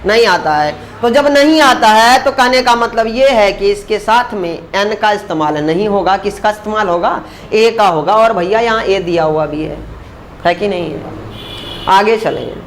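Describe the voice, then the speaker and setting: A man teaching a grammar lesson, who explains slowly, sounds words out syllable by syllable, and keeps asking his students questions that he answers himself. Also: sits high, slight background noise.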